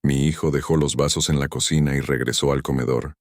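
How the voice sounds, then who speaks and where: A man narrating a first-person story in a calm, measured, solemn way. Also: extremely low pitch, no echo, clean studio sound.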